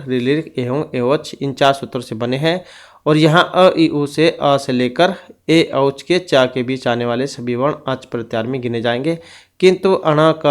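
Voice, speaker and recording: Man teaching a grammar lesson. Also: medium pitch. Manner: explanatory, reads out rules and lists them one by one. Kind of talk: exam-prep grammar lesson.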